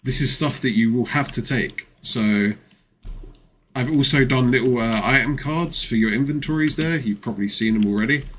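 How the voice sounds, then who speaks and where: A man's voice: medium pitch, normal speed, a bit bright, a little hiss or hum. A man narrating a tabletop game as game master, setting the scene and explaining the rules patiently.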